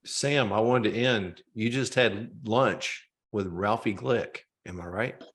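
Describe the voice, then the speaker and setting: Low-voiced podcast host wrapping up. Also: male voice, slow, a bit bright, breathy edge. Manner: friendly, short interjections and wrap-ups. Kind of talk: casual podcast chat.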